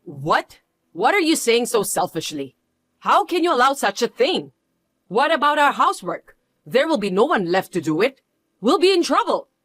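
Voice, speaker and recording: A reader voicing an older, entitled mother-in-law who is shrill, pushy and indignant in a scripted audio story. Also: lively intonation, a little slow, a bit bright, dry recording. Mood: indignant, demanding.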